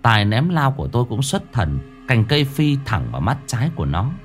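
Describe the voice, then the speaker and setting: A man telling a first-person ghost story in a lively, dramatic way. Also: mid-range voice, fairly quick. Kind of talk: scripted ghost story narration. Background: faint music.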